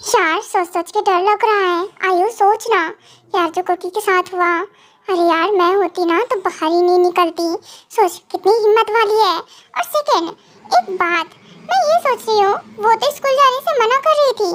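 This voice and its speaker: A woman's voice: very high voice, normal speed, fairly bright tone. A woman voicing gossiping schoolgirl friends. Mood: chatty. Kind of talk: Hindi fan audio drama.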